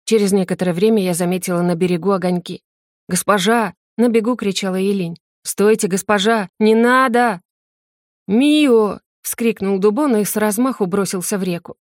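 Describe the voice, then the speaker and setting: Woman, audiobook narrator, first-person fantasy story, gentle, expressive, medium pitch, dry close sound. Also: no room sound.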